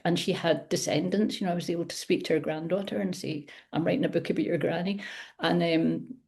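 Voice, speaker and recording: Interviewed in a relaxed chat, a Scottish woman in middle age who writes for children laughs often and makes fun of herself. She has a fairly low, creaky, dark-toned voice.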